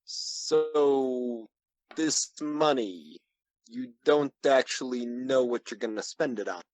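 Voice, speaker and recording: A man's voice: mid-range voice, slow pace, a little mellow, no room sound, poor audio. A man playing a retired detective in a tabletop game, dry and skeptical. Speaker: player voicing a retired detective. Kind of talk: in-character role-play.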